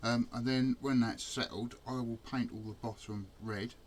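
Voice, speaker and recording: A man's voice: medium pitch, fairly even intonation, moderate pace, a little hiss or hum, poor audio. A man casually talking through a model ship build, chatty and self-deprecating, muttering to himself as he works.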